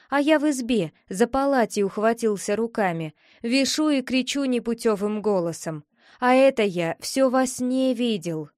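A woman's voice: fairly high pitch, darkish tone, no room sound. Woman reading stories in a dry close voice. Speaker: reader. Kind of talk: reading children's stories aloud.

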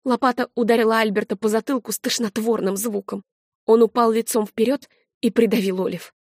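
A woman narrating an audiobook in the first person with a measured, quietly tense delivery. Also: a little high, no room sound, clean studio sound.

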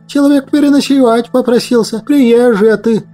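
A man voicing an elderly peasant mother who fusses and wails in a high voice. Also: moderate pace, dark tone, soft background music. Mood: indignant. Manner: high wailing fuss.

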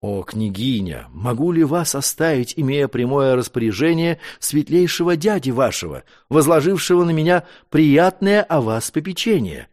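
Young officer, tender and courtly, hushed low delivery, as a narrator puts him on. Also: male voice, animated, normal speed, few pauses, close to an everyday voice. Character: gallant young male adjutant, soft and courtly.

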